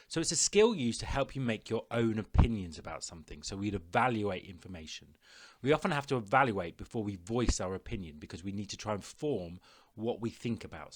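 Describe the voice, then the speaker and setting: A man presenting a recorded classroom lesson, giving clear step-by-step instructions to pupils. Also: mid-range voice. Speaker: teacher.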